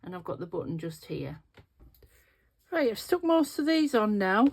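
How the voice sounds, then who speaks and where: A middle-aged woman hosting a resin craft video chats casually, thinking aloud as she works with her hands through the tutorial. Her sniffly, nasal voice is mid-range, darkish and husky, with vocal fry, big pitch swings and a moderate pace.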